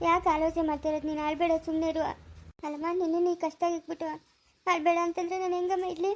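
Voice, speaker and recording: A woman with a Chikkaballapura Kannada accent playing a young daughter who softly pleads with her jailed mother. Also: extremely high pitch, flat delivery, racing. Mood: pleading. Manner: soft, pleading, tearful.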